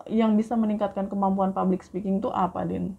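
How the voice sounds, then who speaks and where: A woman with an Indonesian accent co-hosts a casual podcast chat, often chiming in with short agreements. Her voice is mid-pitched. The recording sounds dull and lo-fi. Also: flat delivery, fairly quick, vocal fry, mellow, husky. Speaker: podcast co-host.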